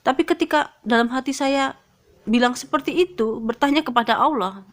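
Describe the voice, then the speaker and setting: A middle-aged woman telling a personal testimony, hesitant and full of fillers and restarts, growing high and strained with emotion. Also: normal speed. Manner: pitch rises high and tense as she grows emotional. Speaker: convert telling her testimony.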